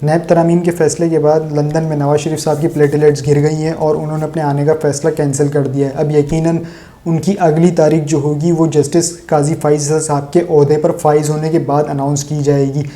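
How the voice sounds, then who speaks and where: A man's voice: fairly high pitch, little pitch movement, warm tone. A man from Pakistan delivering sarcastic, opinionated solo political commentary straight to his viewers.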